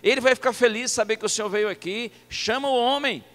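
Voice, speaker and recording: A man's voice: extremely high pitch, fast, fairly bright tone, pitched above the performer's own voice. A male preacher voicing a friendly woman caregiver who insistently urges him on, in an echoey church hall. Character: cheerful middle-aged woman caregiver.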